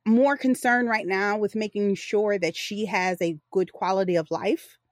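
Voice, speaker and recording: A woman's voice: medium pitch, fairly even intonation, a little slow, no echo. Candid woman in her forties, dry sound. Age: 40s. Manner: candid, rambling, self-correcting. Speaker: podcast co-host. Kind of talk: casual chat.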